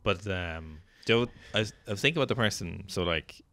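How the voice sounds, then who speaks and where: A man's voice: sits low, fast, a bit bright. A man in his twenties with an Irish accent, co-hosting a casual podcast chat and talking in a hesitant, reflective way. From Ireland. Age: 20s. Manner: hesitant, reflective, many fillers. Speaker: podcast co-host.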